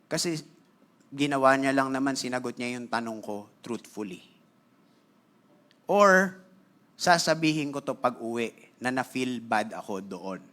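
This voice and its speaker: A man with a Filipino accent preaches to his congregation in an animated, chatty storytelling sermon. His voice is bright and forward. He moves easily between two languages and keeps clearing his throat. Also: mid-range voice, measured pace, long pauses. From Philippines. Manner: animated, conversational, switching between Tagalog and English. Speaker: pastor.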